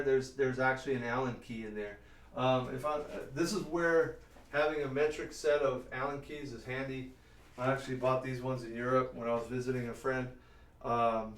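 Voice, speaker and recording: A middle-aged man chatting casually on a live stream, rambling and answering viewers as he works in a warehouse workshop. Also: medium pitch. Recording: roomy sound, mic at a distance.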